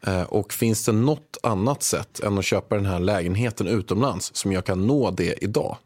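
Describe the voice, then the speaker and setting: A man hosts a casual conversation and asks curious follow-up questions. His voice is very deep. The recording is dry and close. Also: a little mellow, dry recording. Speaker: podcast host. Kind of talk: casual interview.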